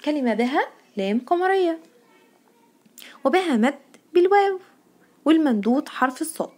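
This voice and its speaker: This primary school grammar lesson in Egyptian Arabic is led by a woman whose voice sits high with a darkish tone. Every new word gets emphasis, and she answers the questions she puts to her pupils.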